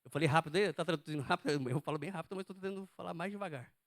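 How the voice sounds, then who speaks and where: A preacher delivers a sermon very fast in a high-pitched voice, speaking emphatically and repeatedly turning questions on his congregation. The recording is close and dry, with no room sound around it.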